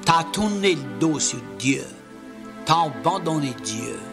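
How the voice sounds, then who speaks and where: A man's voice: on the high side, expressive, slow pace, music in the background. A man from Louisiana with a Cajun French accent, preaching an evangelistic sermon as plain, folksy Bible storytelling with earnest appeals.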